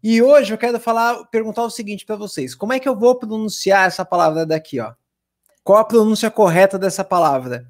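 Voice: mid-range voice, fairly quick. An English teacher with a Brazilian Portuguese accent giving a chatty, upbeat live online lesson and talking straight to the viewers.

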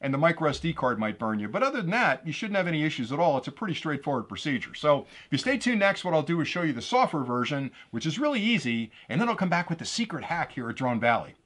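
Fast-talking upbeat male tutorial host. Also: fairly high pitch, sing-song, fairly bright tone. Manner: upbeat, chatty, playful. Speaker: drone channel host. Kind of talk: hands-on tutorial.

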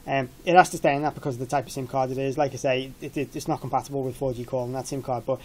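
Racing along in a steady, mid-range voice, a man in his thirties demonstrates a tech product. The walkthrough is informal, with matter-of-fact explanations.

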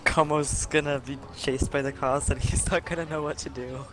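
A man's voice: a little high, steady tone, moderate pace. A man chatting casually as a player in a game voice chat.

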